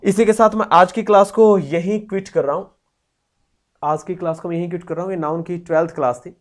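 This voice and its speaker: A man teaching grammar in an online lesson, explaining slowly, repeating key phrases and addressing the students warmly. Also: high voice, fairly even intonation.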